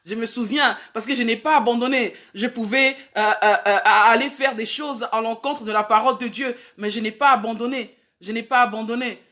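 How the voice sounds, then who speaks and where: A woman's voice: fairly high pitch, fairly even intonation, normal speed, hardly any pauses, a bit bright. A woman evangelist preaching a sermon, emphatic, repeating key phrases again and again.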